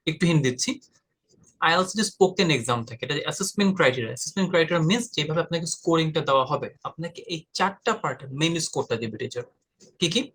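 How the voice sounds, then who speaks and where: Informal man tutoring, slightly high voice. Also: expressive, racing, fairly bright tone. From Bangladesh. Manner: direct and informal, addresses viewer as brother. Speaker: IELTS tutor. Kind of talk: casual explanatory lesson.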